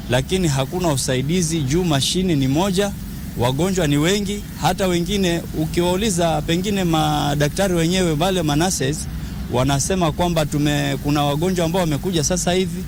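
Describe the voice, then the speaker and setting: A man with a Kenyan accent giving a spontaneous statement to the press. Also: on the high side. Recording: clear outdoor urban vehicle noise.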